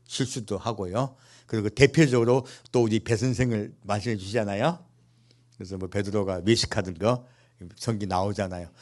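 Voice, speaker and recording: During a church sermon, a male pastor keeps a moderate pace and uses a lowish, darkish voice. He questions the congregation rhetorically and slips in humorous, playful remarks.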